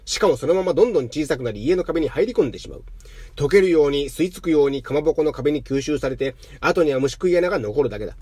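A man reading literary fiction aloud in a calm, measured way. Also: fairly high pitch, slightly rough, no room sound. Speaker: narrator.

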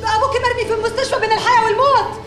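A shrill, meddling Upper Egyptian woman in a TV drama, very high-pitched and rattling out accusations at breakneck speed. Her theatrical wailing rings in an echoey set over a loud dramatic score. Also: fairly even intonation, very fast, music in the background. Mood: scandalized. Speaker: sister-in-law accusing the family. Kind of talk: TV drama acting.

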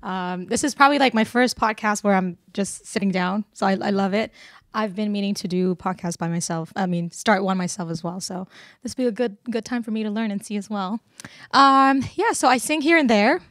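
A woman's voice: mid-range voice, a little fast, no room sound, clean studio sound. A woman in her twenties from Burma, a singer and nurse, chatting casually as a podcast guest. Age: 20s. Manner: relaxed, chatty, laughs easily. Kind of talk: casual interview chat. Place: small indoor studio set on a couch. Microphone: handheld microphone.

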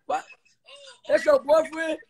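A man's voice: very high-pitched, flat delivery, takes it slowly, darkish tone. A man hosting a livestream on his phone, talking bluntly and teasing callers with plenty of profanity. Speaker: livestream host. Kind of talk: casual livestream chat.

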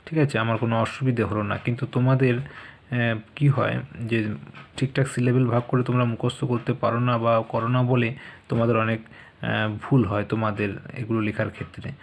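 A man teaching children, slowly spelling out words letter by letter. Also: medium pitch, flat delivery. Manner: slow, spells out letters one by one.

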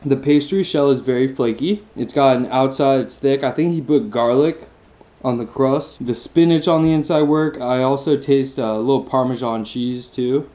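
A man's voice: mid-range voice, moderate pace, dark tone. A man in his twenties giving a casual mukbang tasting review, enthusiastic and chewing between lines with long mmm sounds. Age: 20s. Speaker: food vlogger.

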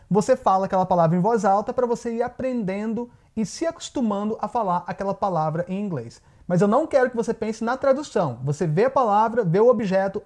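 A man's voice: high voice, darkish tone. A man, a native Portuguese speaker, teaches English vowel rules in a casual video lesson, explaining step by step and answering his own questions.

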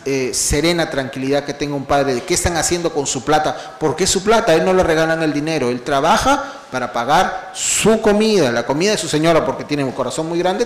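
A man giving a lively seminar lecture, full of rhetorical questions and long spoken lists. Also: a little high, reverberant. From Peru. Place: lecture hall.

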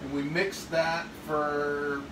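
A middle-aged home cook, speaking slowly in a fairly high, level voice, explains each step of a recipe in his kitchen and rambles a little along the way. The casual demo was captured by a phone camera across the room, leaving an echoey, distant sound with hum.

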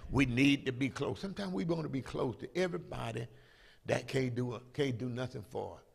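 An older male pastor preaches from a pulpit in a large church sanctuary, handheld microphone in hand, and the hall's long reverb trails his words. His mid-range voice is gravelly with a breathy edge, and he calls out to the congregation in call-and-response, drawing out key phrases and rising to loud, emphatic proclamation.

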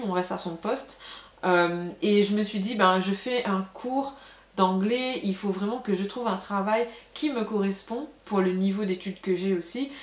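A young woman from France, talking frankly and casually about her studies and jobs, with lots of fillers. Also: medium pitch. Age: young adult. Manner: chatty, frank, many fillers. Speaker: vlogger. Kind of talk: casual storytelling to camera. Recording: echoey room.

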